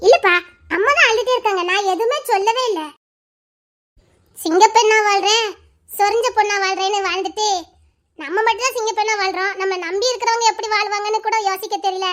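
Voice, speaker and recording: A woman's voice: very high-pitched, steady tone, brisk, a bit bright. A woman playing a bitter grown daughter who lectures her parents reproachfully.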